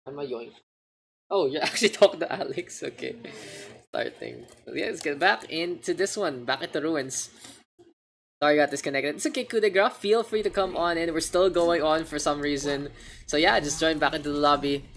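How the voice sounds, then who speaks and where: A woman's voice: sits low, normal speed, long pauses, slight background noise. A woman with a Filipino accent doing casual, joking live game commentary as a streamer. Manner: casual, joking, mixes English with Tagalog. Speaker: esports caster and streamer.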